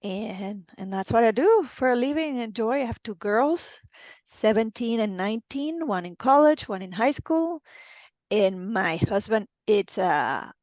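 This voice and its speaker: Woman, 40s, consultant guest, halting, dull dry call audio. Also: on the high side, lively intonation, darkish tone, dry recording. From Venezuela. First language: Spanish. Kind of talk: casual video-call interview. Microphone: video call.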